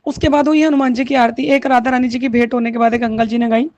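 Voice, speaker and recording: A woman's voice: on the high side, flat delivery, fast talker, a little mellow, dry recording, muffled recording. A woman, sharing a heartfelt, tearful devotional testimony. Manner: tearful, heartfelt, mixes Hindi with Punjabi and English words.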